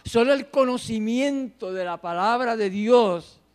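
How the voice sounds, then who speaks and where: A man delivers a sermon in a high voice. He talks slowly, dropping to soft, low phrases and then rising to loud, drawn-out emphasis. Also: smooth. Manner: dramatic swings between soft and loud, slow drawn-out emphasis. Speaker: preacher.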